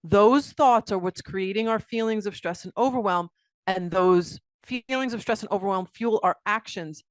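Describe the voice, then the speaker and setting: A woman's voice: medium pitch, normal speed, no room sound. A middle-aged woman, a guest on a video call interview, who tells stories with energy and acts out the voices of the people she quotes. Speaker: guest, accountant and coach. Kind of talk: interview conversation.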